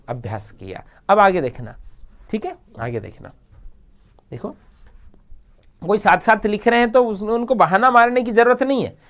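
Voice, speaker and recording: Man teaching grammar in a call-and-response way. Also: a little high. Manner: asks the class questions and answers them himself; slow, drawn-out dictation of example words. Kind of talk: classroom-style grammar lesson.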